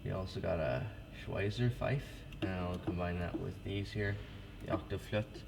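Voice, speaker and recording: A man's voice: sits low, fairly even intonation, moderate pace, gravelly. A man casually demonstrating church organ stops at the console, talking informally with many restarts and fillers. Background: loud pipe organ playing.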